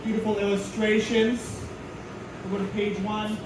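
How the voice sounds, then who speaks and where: A man's voice: high-pitched, monotone, normal speed, natural voice. A male stand-up comedian acting out an elementary teacher at storytime, singsong, instructive and mock-innocent while being crude. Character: elementary teacher reading storytime, sugary yet crudely inappropriate. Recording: very echoey venue, distant mic, loud crowd, noise.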